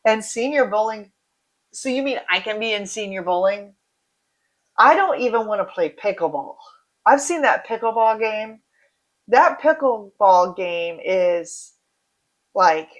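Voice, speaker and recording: A woman's voice: medium pitch, lively intonation, measured pace. A woman in her forties hosting a casual livestream, reading out viewer comments and chatting in a rambling way, drifting off into asides. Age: 40s.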